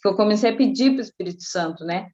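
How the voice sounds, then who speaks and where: A middle-aged woman, telling a personal faith testimony in a casual, animated way. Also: medium pitch, quick pace, highs cut off. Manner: animated storytelling, acting out quoted voices. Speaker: guest giving a testimony.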